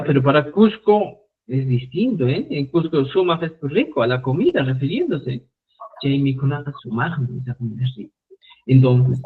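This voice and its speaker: A man teaching a live online Quechua class, repeating phrases slowly for students. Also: a little high, breathy edge. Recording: phone-like narrow sound.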